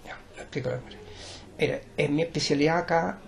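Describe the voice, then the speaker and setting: A man's voice: on the high side, quick pace, vocal fry. An older man with a Chilean accent, a teacher and performer, talking in a digressive, lecturing way with many restarts. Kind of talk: rambling conversational interview.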